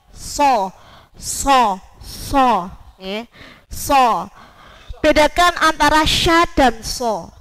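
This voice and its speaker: Slow high-voiced woman teacher. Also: fairly bright tone, low-quality recording. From East Java, Indonesia. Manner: slow, patient, drawn-out modeling of sounds, Javanese-tinged Indonesian. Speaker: Quran recitation teacher. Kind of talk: teaching letter pronunciation.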